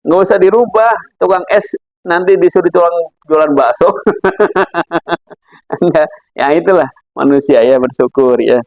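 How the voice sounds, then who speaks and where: A man's voice: on the high side, a little slow, long pauses, darkish tone, no room sound, soft background music, low-quality recording. A man giving a casual religious lesson, chatty and laughing often as he acts out characters in his stories. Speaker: Islamic philosophy teacher. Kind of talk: casual religious lecture with anecdotes.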